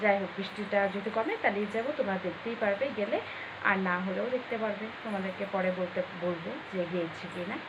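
A woman's voice: mid-range voice, quick pace, highs cut off. A young woman from Bengal chatting to viewers in a casual home vlog, explaining her chores. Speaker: vlogger. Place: small home. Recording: noisy home recording.

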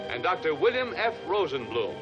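A man announces in the formal, emphatic style of an old radio show. His voice sits high and swings widely as he stresses each phrase. The sound is muffled like an old radio broadcast, with loud music underneath. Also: big pitch swings, fairly quick. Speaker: program announcer.

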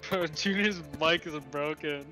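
A man's voice: fairly high pitch, a little slow, pushed and bright, faint music behind, poor audio. A man bantering and teasing with friends over voice chat. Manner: laughing, teasing. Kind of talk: casual banter.

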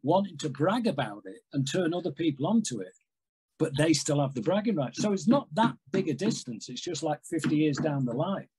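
Animated husky older man on a video call. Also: fairly high pitch, a little fast, low-quality recording. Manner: animated, rambling storyteller with big hand gestures. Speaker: guest, music industry executive. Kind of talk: casual interview chat. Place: home room with framed records on wall.

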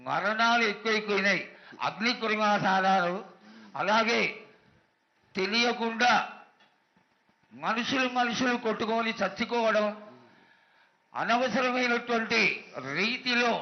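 Man, high voice, pleading priest, deferential devotional address, halting short phrases, dull lo-fi sound. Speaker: priest questioning the oracle. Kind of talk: devotional petition.

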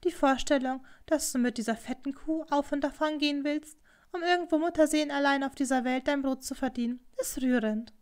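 A woman's voice: a little fast, darkish tone, lightly acted. A woman voicing a proud, cruel young geisha in an audiobook reading, pleading one moment and cutting the next. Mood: cold. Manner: pleading and shrill, then cutting and scornful.

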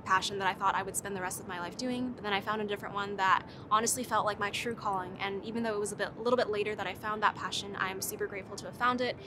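Fast, flat-toned young woman outdoors. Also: mid-range voice, noisy background. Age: young adult. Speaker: graduate student. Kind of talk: interview testimonial. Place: outdoors among greenery.

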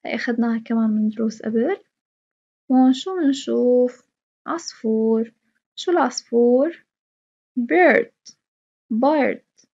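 A woman with a Levantine Arabic accent walks a class through an English lesson, repeating each word and praising the students as she goes. Her voice sits a little high. The recording is dull and lo-fi. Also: normal speed, pauses often, mellow, husky. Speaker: English teacher.

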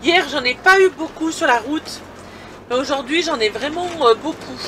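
A female vlogger narrates casually from inside a camper van, moving or parked, addressing viewers directly. Her high-pitched voice is animated, pushed and bright, at a normal speed, over the sound of the engine and road.

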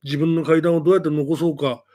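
A man who tells ghost stories, making an announcement to his audience in a lively monologue full of rhetorical questions. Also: fairly high pitch, quick pace.

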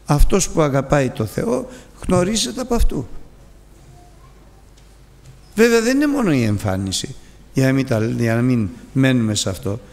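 A man preaching a sermon, pressing his listeners with pleading rhetorical questions, with a gravelly voice. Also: mid-range voice, lively intonation, long pauses, darkish tone, in a large hall.

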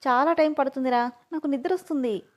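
A woman's voice: high-pitched, quick pace, pitched above the performer's own voice, close to an everyday voice. A woman voicing a sulky, spoiled teenage schoolgirl who whines and complains. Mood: whiny. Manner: whiny, complaining.

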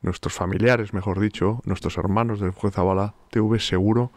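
Spanish host guy, low voice, complimentary, chatting casually. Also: steady tone, moderate pace, no echo. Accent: Spanish (Spain). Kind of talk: casual interview.

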